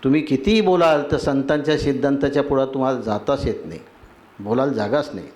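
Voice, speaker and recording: Delivering a devotional sermon at a fast pace, this man speaks at a medium pitch with a slightly mellow quality. The spiritual teacher rattles off terms in rhythmic sequences and keeps checking whether his audience agrees.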